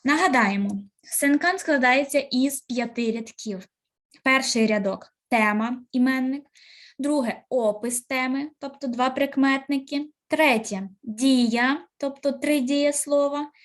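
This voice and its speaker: A woman teacher, giving a recorded literature lesson with slow, clear instructions and pauses. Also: high-pitched.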